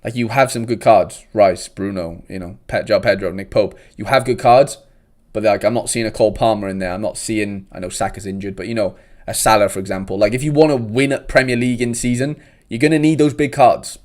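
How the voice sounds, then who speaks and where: A young South Welsh man hosts a casual livestream, chatting with viewers in a laid-back way and saying "mate" a lot. His voice is lowish, fairly quick and a little mellow.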